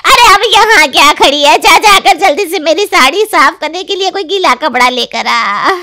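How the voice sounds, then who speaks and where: A sharply indignant aunt-in-law, put on by a woman for a cartoon story. She scolds in a loud, high, huffy voice. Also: a little slow, gravelly, heavily acted. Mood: scolding.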